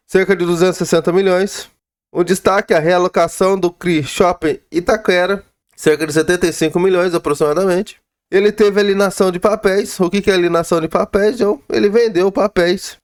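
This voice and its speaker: A Brazilian man with a sore throat and a head cold, slightly slurred in diction, giving informal commentary on a financial report as a video host. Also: high voice. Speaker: YouTube host reviewing real-estate funds.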